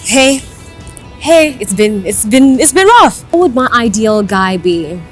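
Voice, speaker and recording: A young woman from Kenya chats openly to the camera in a casual vlog, her voice sitting a little high. She laughs easily as she talks, recorded outdoors high up on a building. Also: very animated, unhurried, soft background music. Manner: chatty, candid, laughs easily. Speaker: vlogger and radio host.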